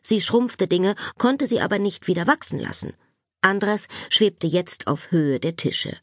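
Husky woman narrating a children's story. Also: mid-range voice, unhurried, no echo, clean studio sound. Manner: expressive, playful storytelling. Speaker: audiobook narrator.

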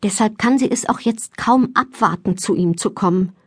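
Lively woman narrator for a kids' audiobook, dry studio read. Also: mid-range voice, normal speed, breathy edge, no room sound. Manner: lively, expressive storytelling. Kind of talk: scripted children's story narration. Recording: dry close studio sound.

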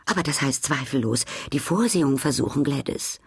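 A woman's voice: rumbling low, animated, brisk, breathy edge, no echo, clean studio sound, voice pushed up, full character voice. A woman voicing a fussy, easily startled older duchess with a flustered, fretful way of talking, in an audiobook. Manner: flustered, fretful, often whispered asides. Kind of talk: audiobook character voice.

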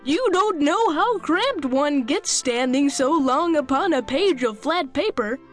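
Cheeky storybook clown, teasing and silly, slow and lifted as a woman puts him on. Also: high-pitched, expressive, faint music behind, voice pushed up. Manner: teasing, leering, chuckling. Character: silly, cheeky male clown from a picture book.

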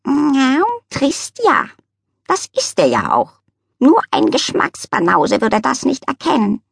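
A genteel female cat from a children's audiobook, speaking in a high, slow, affected voice full of airs. The voice is a little breathy and lively, and it sounds dry and close. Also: dry recording, heavily acted. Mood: disdainful.

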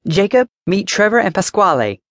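A man narrating a story puts on the voice of a cheerful, eerie little boy with an imaginary friend, bright, chirpy and polite with an odd innocence. The exaggerated high voice swings widely in a sing-song way at normal speed. It's recorded close and dry, with no room sound.

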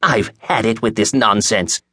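A man's voice: lowish voice, unhurried, bright, forceful tone, breathy edge, no room sound, studio quality, exaggerated voice. A male narrator voicing a frail, cranky seventy-year-old woman with a walker in a wailing tirade, in an audiobook. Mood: furious.

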